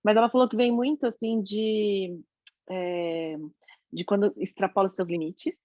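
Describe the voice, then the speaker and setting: Woman in a book circle, mid-pitched, hesitant, dull and dry sound. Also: fairly even intonation, measured pace, a little mellow, no room sound. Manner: thoughtful, hesitant, many restarts. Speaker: book group member. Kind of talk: casual group discussion.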